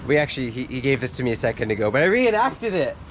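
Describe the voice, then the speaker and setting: A man's voice: mid-range voice, very animated, fast. A man hosting a casual vlog outdoors, joking easily and laughing often. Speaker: vlog host. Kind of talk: casual vlog chat and narration. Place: outdoor rural building site. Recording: noisy outdoor ambience.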